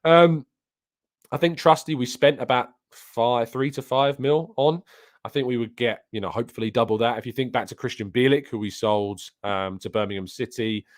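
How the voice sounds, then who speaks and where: A man's voice: medium pitch, moderate pace, dry recording. British man hosting a dry-sounding football chat. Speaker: host of a football talk show. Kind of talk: casual live chat, reading and answering viewer comments. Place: soundproofed home studio setup. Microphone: close studio microphone on an arm with pop filter.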